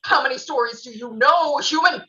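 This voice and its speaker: A woman's voice: high-pitched, moderate pace, sharp tone, muffled recording, a little hiss or hum. A woman voicing a boastful alien conqueror who speaks through a robotic translator voice, theatrical and menacing. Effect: robotic universal-translator voice. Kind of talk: comedic audio drama acting.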